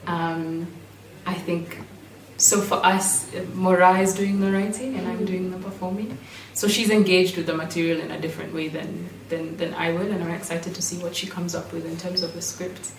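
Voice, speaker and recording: A Kenyan woman with a British-school-influenced accent, a performer, gives a reflective personal talk to a group at an in-person meeting indoors. Her voice is low with fairly even intonation, at a moderate pace with few pauses. The room is echoey, the mic distant, with faint noise.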